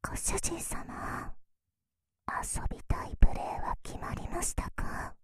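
Slow whispered role-play of a coaxing maid by a woman. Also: lightly acted. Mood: teasing, coaxing. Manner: breathy, polite, coaxing, drawn-out phrasing. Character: seductive, teasing maid attending to her master.

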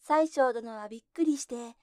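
A woman narrating a folk tale in gentle, measured storybook telling. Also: a little high, dry recording, clean studio sound.

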